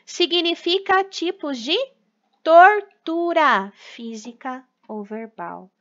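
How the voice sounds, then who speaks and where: A woman teacher with a high voice walks young pupils through a lesson, checking in with them after nearly every point. The sound is a little dull and lo-fi. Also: fairly bright tone. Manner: explanatory, frequent tag questions. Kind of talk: recorded class lesson for children.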